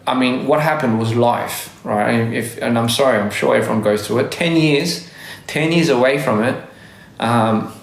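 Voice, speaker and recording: An Australian man in his thirties, with an accent blending Australian and American English, hosts a livestream and chats casually while answering comments. His medium-pitched voice has vocal fry and normal speed; he rambles, corrects himself and laughs a lot. The recording is reverberant and low quality.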